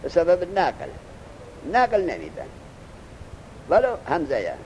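A man teaches a lesson, reading the text slowly and stopping to quiz his student. His voice is warm and mellow and sits a bit high. A faint rumble runs underneath the recording. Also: huge pitch swings, muffled recording. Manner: explains, asks the student questions, reads the text slowly. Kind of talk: classroom lesson.

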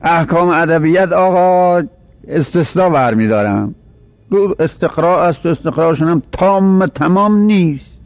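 A man's voice: fairly high pitch, expressive, no echo. A man teaching a seminary class, explaining grammar point by point and reciting Arabic verses aloud. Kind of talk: classroom lecture. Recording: dull, dry lo-fi recording.

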